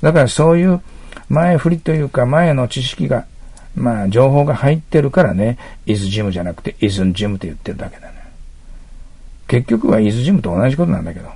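A man teaching English listening test answers in a lecture, explaining each answer with frequent little check-ins to his listeners, and reading the English lines slowly with a Japanese accent. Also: mid-range voice, lively intonation, vocal fry, mellow, breathy edge, dry recording.

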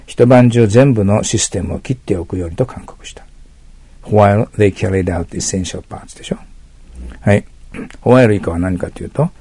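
A man teaching English vocabulary in an e-learning lecture, explaining patiently, correcting himself, often clearing his throat and trailing into a whisper at sentence ends. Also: lowish voice, warm tone, no echo. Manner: explains patiently, self-corrects, asks rhetorical "ね".

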